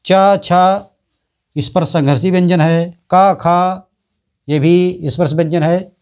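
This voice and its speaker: Hindi-speaking man teaching slowly. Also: sits high, steady tone, darkish tone. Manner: slow, repeats each letter and answer. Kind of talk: exam-prep lesson.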